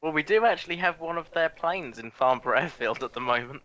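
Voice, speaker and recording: A man's voice: a little high, expressive, fast, sharp tone, muffled recording. An Englishman with an English accent chatting casually on a video call, telling anecdotes with small restarts and easy laughs. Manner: chatty storyteller, restarts words, laughs easily. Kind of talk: casual live-stream chat.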